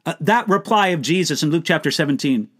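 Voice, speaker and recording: A man teaching the Bible on a live question-and-answer stream. His somewhat high voice rises and falls with strong expression. He puts rhetorical questions to his listeners in an earnest, emphatic way. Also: animated, quick pace, a bit bright.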